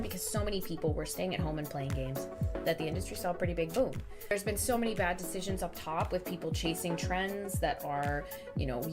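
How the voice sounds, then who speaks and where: A woman gaming streamer chatting casually, swearing and joking as she plays. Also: sits low. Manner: profane, jokey, rapid asides. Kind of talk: casual livestream chat. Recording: loud game music behind voice.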